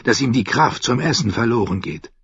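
A man's voice: mid-range voice, normal speed, husky, dry recording, voice pushed up. A man voicing a genial, sly older pirate merchant who talks in a coaxing, lilting way in a storybook reading. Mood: confiding. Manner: lilting, coaxing, fond of flattery. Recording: dull dry studio audiobook.

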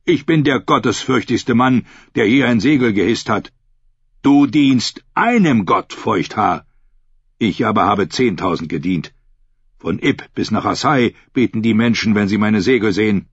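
A man's voice: lowish voice, expressive, unhurried, husky, dry recording, heavily acted. A man reading an audiobook, voicing a smug one-eyed pirate king who taunts in a silky, amused way. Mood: taunting. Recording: dull lo-fi recording.

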